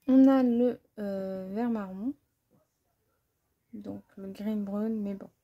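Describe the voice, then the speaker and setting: Swatching watercolors for an art-supply haul video, a woman vlogger chats away, thinks out loud and pokes fun at herself. Her voice is medium in pitch and she speaks slowly. The recording has its highs cut off.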